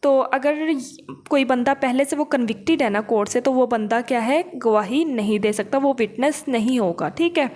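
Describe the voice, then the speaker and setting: A law teacher gives an explanatory lecture, reading English legal text and then explaining it in a didactic way, often adding short tag questions to check in. Her voice is fairly high-pitched with a darkish tone, delivered at a moderate pace with few pauses.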